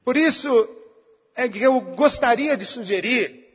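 A man preaching a sermon, earnest, moving between emphatic lines and hushed, intimate ones. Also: extremely high pitch, animated, unhurried, breathy edge. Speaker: pastor. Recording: reverberant hall, dull lo-fi sound.

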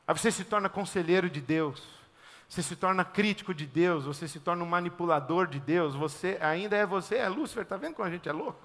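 A man's voice: high-pitched, fairly quick, a bit bright. A middle-aged man preaching a conversational sermon, emphatic and fond of rhythmic repeated lists. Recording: long hall reverb.

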